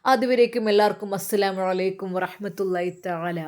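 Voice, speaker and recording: A woman's voice: mid-range voice, fairly quick, darkish tone. A woman with a Malabar Malayalam accent narrating an emotional story in an earnest, heartfelt way.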